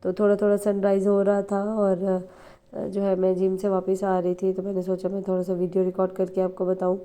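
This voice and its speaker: Chatty woman vlogger with a very dark voice. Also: mid-range voice, completely flat delivery, clean tone. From Pakistan. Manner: rapid, chatty, many fillers. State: hoarse with flu. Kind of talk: casual vlog talk to viewers.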